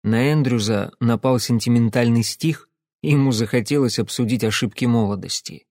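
A man's voice: mid-range voice, moderate pace, darkish tone, no room sound. A man narrating an audiobook in the first person, in a dry, understated way.

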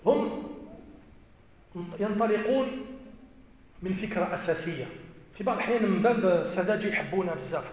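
In a large mosque, a native Amazigh speaker with an Algerian Arabic accent delivers a fast, emphatic lecture in a very high, expressive voice. He keeps repeating key phrases, and his words echo through the hall with a long reverb.

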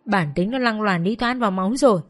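A woman's voice: mid-range voice, brisk, natural voice. A woman voicing a jealous young woman who screams vicious insults in a brawl, in a narrated audio story. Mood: screaming abuse.

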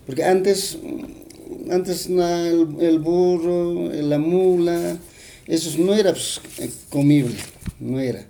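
A man's voice: on the high side, steady tone, slow, creaky, warm tone, slight background noise. A man with a Bolivian Spanish accent, retelling a folk tale in an interview, rambling and full of fillers and tag questions.

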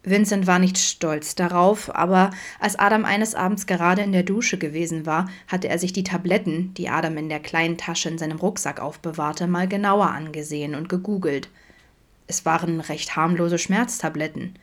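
A woman narrating fan fiction as an audiobook in a calm, measured way. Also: on the low side. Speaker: audiobook reader.

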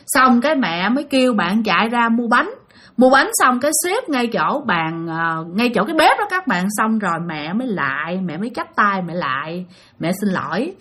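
A woman's voice: a little high, sing-song, normal speed, fairly bright tone. A woman, telling listener-sent ghost stories in a chatty way, often turning to address her audience. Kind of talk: casual spoken storytelling.

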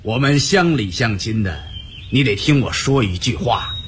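A man's voice: medium pitch, lively intonation, normal speed, a little hiss or hum, natural voice. A male storyteller voicing an older village squire who speaks earnestly and deferentially. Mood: humble. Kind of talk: Chinese storytelling radio performance.

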